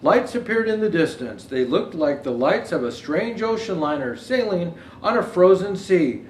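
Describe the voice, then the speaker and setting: A man's voice: high-pitched, animated, normal speed. A man playing Santa Claus as a jolly old storyteller, reading a children's storybook aloud with chatty asides. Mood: gentle storytelling. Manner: jovial ho-ho greetings, chatty asides. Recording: roomy echo, faint background noise.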